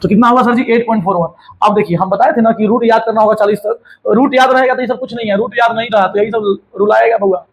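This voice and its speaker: A man teaching maths in with a high, husky voice. He keeps the lesson casual and teasing, and scolds students playfully. He also puts questions to himself as a student would, then answers them. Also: steady tone, quick pace, muffled recording. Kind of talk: casual classroom explanation.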